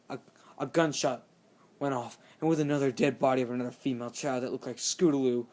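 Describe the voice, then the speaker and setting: A man reading a horror story aloud, halting and often restarting mid-sentence. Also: mid-range voice, a little mellow. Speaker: channel host reading horror stories.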